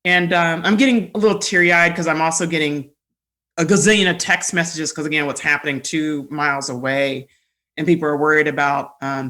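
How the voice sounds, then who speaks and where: A woman guest on a podcast, telling stories in a rambling, animated way and laughing often. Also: sits low. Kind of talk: casual storytelling conversation.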